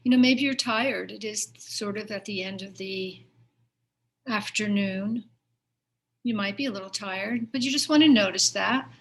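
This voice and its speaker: A woman at medium pitch guides listeners through a meditation as their teacher. Each gentle instruction is unhurried, with pauses falling between phrases.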